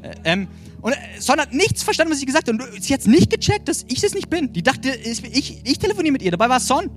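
A young man from Franconia with a Franconian German accent, preaching a sermon in an energetic, animated way, often calling out "hey" and asking "ja?". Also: very high-pitched, fast, faint music behind.

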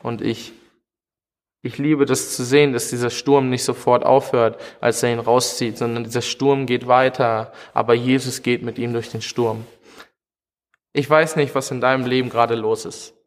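A man's voice: mid-range voice, steady tone, normal speed, big-room sound. A man preaching a sermon in an earnest way, speaking straight to his listeners and often calling out "hey". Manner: earnest, direct address with frequent "hey".

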